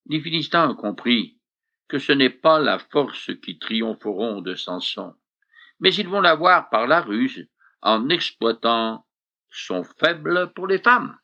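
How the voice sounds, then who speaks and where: Slow gravelly man reading scripture. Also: medium pitch, lively intonation, bright, forceful tone, lo-fi sound. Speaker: Bible reader and commentator.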